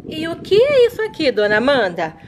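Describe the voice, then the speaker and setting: A woman's voice: sits high, wildly swooping pitch, a little fast, heavy background noise, pitched below the performer's own voice. A woman doing a soothing doll mother. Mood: scolding. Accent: Brazilian Portuguese. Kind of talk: toy doll play video.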